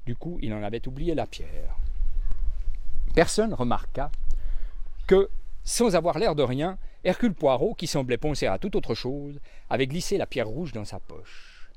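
A man narrating a storybook reading in an expressive, varied read-aloud voice. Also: medium pitch, a little slow, no echo.

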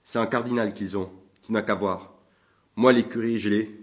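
A man's voice: lowish voice, steady tone, normal speed, close to an everyday voice. A man voicing a drunken, brutish soldier sergeant who bellows and hurls insults, in a storybook reading. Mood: drunken ranting.

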